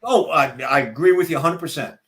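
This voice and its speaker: An older man with a Southern US accent chats as an interview guest, pitched a little high for a man. He rambles in a folksy, opinionated way. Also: a little fast, a crowd in the background. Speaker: guest speaker. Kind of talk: casual interview chat.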